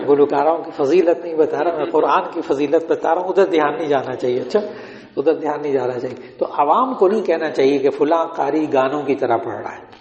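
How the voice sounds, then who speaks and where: An older man, an Islamic scholar, speaks in a somewhat high, slightly mellow voice during a religious Q&A lecture, explaining points and quizzing his listeners. The recording is dull and lo-fi, with the echo of a large hall.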